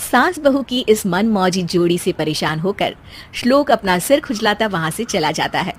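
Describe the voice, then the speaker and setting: A woman reading scripted narration for an animated family story. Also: mid-range voice, moderate pace, husky.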